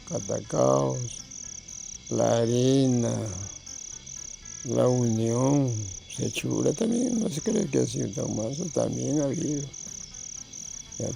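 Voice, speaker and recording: Gravelly old Peruvian grandfather, low-voiced. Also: dark tone. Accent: northern Peruvian. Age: older. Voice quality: gravelly, creaky aged voice. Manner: rambling, repeats phrases, colloquial. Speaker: grandfather recounting local oral history. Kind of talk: informal oral storytelling.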